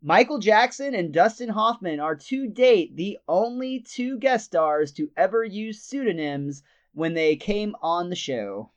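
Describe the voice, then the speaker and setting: A man with a high, smooth voice co-hosts a casual podcast review, walking through scenes in detail and chuckling as he goes. The recording sounds slightly dull and lo-fi. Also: lively intonation, measured pace. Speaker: podcast co-host.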